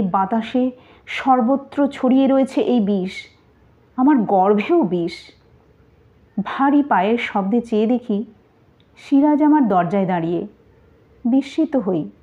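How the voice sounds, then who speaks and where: A woman narrating a historical novel in the first person, with a measured, grave delivery. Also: on the high side. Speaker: audiobook narrator. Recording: tinny phone-like audio.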